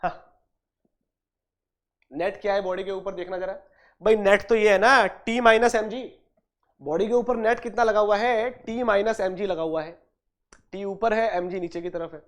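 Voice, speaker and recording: At normal speed, with a high, steady voice and long pauses, a man runs an online engineering exam-prep lecture. He asks and answers his own questions, restates points, addresses students as dear and brother, and uses English technical terms.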